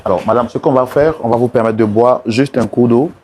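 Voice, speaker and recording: A man hosting and mediating a couple's dispute, patiently calming the guests with repeated gentle commands. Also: medium pitch, brisk, slight background noise. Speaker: host and mediator.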